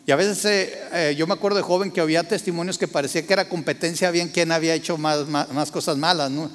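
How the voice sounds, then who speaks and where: High-voiced pastor in a reverberant hall. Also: male voice, steady tone, fast, fairly bright tone. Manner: asks the congregation questions, acts out quotes. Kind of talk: sermon.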